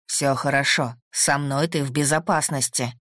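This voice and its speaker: A woman doing a tender, low-voiced young man. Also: fairly even intonation, normal speed, no echo, studio quality, close to an everyday voice. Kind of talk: audiobook character voice.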